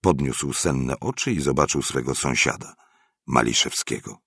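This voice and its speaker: Deep gravelly guy reading a story, husky, dry close sound. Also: animated, normal speed, bright, forceful tone, dry recording. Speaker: narrator. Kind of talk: audiobook reading.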